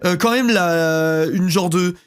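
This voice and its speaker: A man's voice: sits high, slow pace, clear, resonant tone, faint music behind. A young man, streaming and chatting casually with viewers, rambling with many restarts. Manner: rambling, restarts, keeps saying wait.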